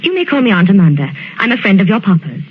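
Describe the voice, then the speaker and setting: A woman acting a gentle, anxious genteel lady in a soothing, earnest 1940s radio suspense style. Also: mid-range voice, very animated, quick pace, slight background noise, close to an everyday voice. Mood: gentle, coaxing. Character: gentle anxious genteel lady friend, Miss Amanda, narrating her diary. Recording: tinny band-limited old radio, organ music behind.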